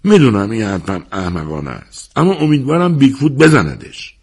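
A man voicing an excitable grown male gambler in an audiobook, shouting in a high, drawn-out voice. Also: creaky, husky, full character voice. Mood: scoffing. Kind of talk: audiobook character voice.

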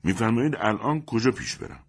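A proud, aloof stranger at a wedding who looks down on everyone and answers in a calm, cutting way, read by a man in a storybook. The voice is very low and husky. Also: exaggerated voice. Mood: haughty. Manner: calm, haughty and disdainful. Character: arrogant, aloof swarthy man, wedding gatecrasher.

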